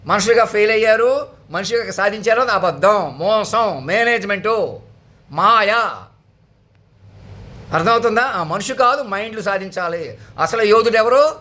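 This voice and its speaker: Commanding high, bright-voiced man preaching. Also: lively intonation, moderate pace, pauses often. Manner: commanding, declamatory, repetitive. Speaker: self-styled spiritual leader. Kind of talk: proclamatory sermon.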